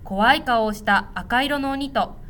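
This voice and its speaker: High, bright woman reading a storybook. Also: a little slow, a little hiss or hum. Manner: gentle, clear and instructive.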